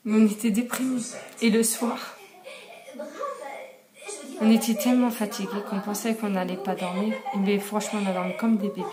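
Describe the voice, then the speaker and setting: A woman's voice: mid-range voice, fairly even intonation, moderate pace, pauses often, a crowd in the background. A young woman telling a story in a casual vlog, chatty, with many fillers and frequent laughs. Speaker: vlogger.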